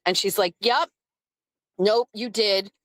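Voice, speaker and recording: A woman's voice: medium pitch, takes it slowly, fairly bright tone. A woman telling a story on a live stream, rambling with many fillers and reading chat comments. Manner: rambling with frequent "like" fillers and laughs; reads and answers chat comments.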